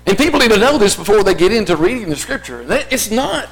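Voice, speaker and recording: A man's voice: sits high, big pitch swings, fast, creaky, rough recording. A man preaching a sermon as a teacher would, explaining point by point and posing rhetorical questions. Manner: explanatory, rhetorical questions in imagined listeners' voices.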